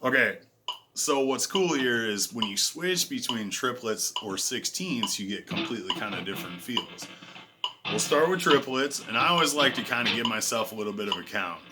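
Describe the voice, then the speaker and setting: A man giving a casual guitar lesson in a relaxed, self-deprecating way, calling out frets and counting beats. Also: mid-range voice, moderate pace, heavy background noise. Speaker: guitar teacher. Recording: loud guitar playing behind the voice. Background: electric guitar.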